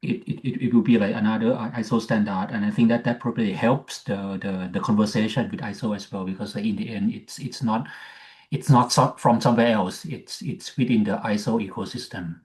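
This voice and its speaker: Hesitant low-voiced man on a work call. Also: fairly even intonation, darkish tone. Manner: hesitant, many pauses, explanatory. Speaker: meeting participant. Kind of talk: online work meeting discussion. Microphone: video call microphone.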